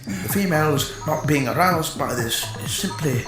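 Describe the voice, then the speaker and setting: Animated mock nature documentary narrator, man. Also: on the high side, roomy sound. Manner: formal, measured, mock-serious. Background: music.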